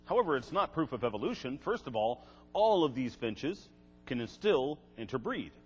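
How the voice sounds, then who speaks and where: A man's voice: mid-range voice, sing-song, normal speed. An older man giving a lecture to a live audience, with wry, sarcastic asides. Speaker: creationist seminar speaker. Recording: echoey hall, faint music.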